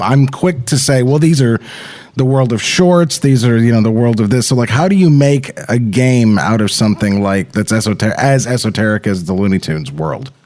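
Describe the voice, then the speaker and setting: A man's voice: medium pitch, a little mellow. A man of forty hosting a casual interview, asking chatty questions and cracking jokes. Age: 40s. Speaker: host.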